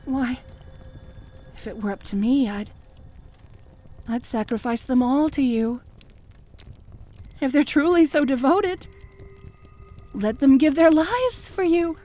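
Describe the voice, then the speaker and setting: A woman playing a fanatical, jealous cult high priestess in an audio role-play, fawning and pleading with stammering devotion. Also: slow pace, pauses often, warm tone. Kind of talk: scripted audio role-play addressed to the listener.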